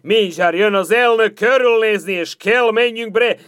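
A man voicing a bossy older village auntie in a radio comedy sketch, high-pitched and shouting. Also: clear, resonant tone, dry recording, clean studio sound.

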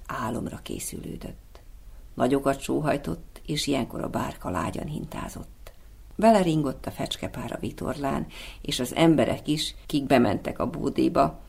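A male narrator reads a classic novel aloud, slowly and lyrically. His voice has a gravelly, creaky texture. It sits at an ordinary middle pitch. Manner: slow, lyrical storytelling.

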